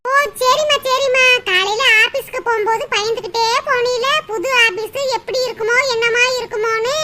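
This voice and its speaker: A woman puts on a homely elder sister-in-law who fusses over the family in a gentle, motherly way. Her voice is very high, over a steady hiss. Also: normal speed. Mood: caring. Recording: noisy recording with steady hiss.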